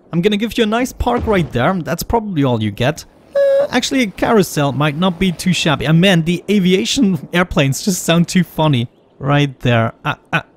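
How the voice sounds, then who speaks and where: Guy doing chill gameplay commentary, talks with a swollen mouth, kinda high voice, bit of game noise behind. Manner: talking with a swollen, sore mouth. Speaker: host of a gaming series. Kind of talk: casual let's play commentary.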